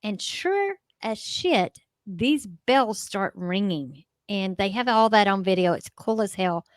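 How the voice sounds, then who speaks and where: A middle-aged American woman co-hosts a paranormal show, chatting in a casual, folksy, unscripted way sprinkled with mild swearing. Her mid-range voice is animated and slow, and the recording has no room sound.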